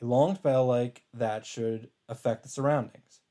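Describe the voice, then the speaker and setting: A man with a medium-pitched, dark voice reads a visual novel aloud as a let's player, keeping a steady tone and a slightly slow pace. His dramatic narration is broken up by casual asides, with game music in the background.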